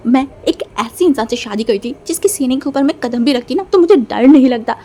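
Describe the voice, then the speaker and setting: A hot-headed young husband snaps back in indignant retorts, as a woman reads him. The voice is high, with a warm, mellow tone. It comes across as a storybook part. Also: animated, a little fast, slight background noise. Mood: annoyed. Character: fiery, quick-tempered young male spouse.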